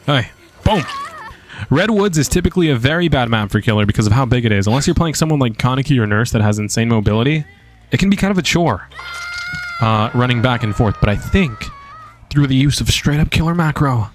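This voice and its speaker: Excitable man doing gameplay commentary. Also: mid-range voice, a little fast. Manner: casual, excitable, swears often. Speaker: game streamer and video creator.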